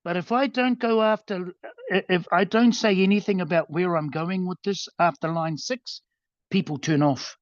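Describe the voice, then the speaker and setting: A man's voice: sits high, moderate pace, no room sound. A man with a New Zealand accent, coaching as a guest presenter over a video call, earnest and often restarting his words. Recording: dull, dry lo-fi video call audio.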